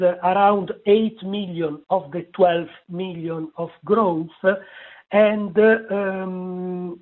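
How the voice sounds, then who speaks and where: A man answering analysts on an earnings call, halting with many filler sounds, heard over a clipped, dropping phone line. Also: high voice. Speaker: company executive answering analysts.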